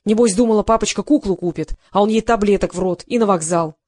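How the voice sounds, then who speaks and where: A man's voice: high voice, fast talker, a little mellow, close to an everyday voice. A woman reading as an angry, mocking young man. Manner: harsh, mocking. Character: angry impatient young man, demanding answers.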